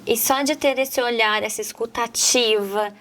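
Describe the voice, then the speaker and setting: Chatty Mineiro woman host, fairly high voice. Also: steady tone, fairly bright tone, a little hiss or hum. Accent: Mineiro (Minas Gerais). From Minas Gerais, Brazil. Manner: chatty, quick to agree and affirm. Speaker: podcast host. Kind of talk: casual conversation.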